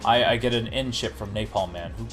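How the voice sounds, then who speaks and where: A man co-hosting a casual gaming podcast, talking in an animated way and jumping into quick quotes. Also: lowish voice, soft background music. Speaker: podcast co-host.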